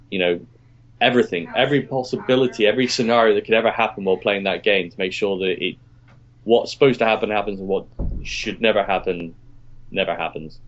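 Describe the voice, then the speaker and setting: A man's voice: on the low side, lo-fi sound. A man co-hosting a podcast over an online call, chatting easily while his voice rings with a cave-like echo. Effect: echoey, cave-like sound on his line. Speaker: podcast co-host. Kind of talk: casual chat. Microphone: remote call mic.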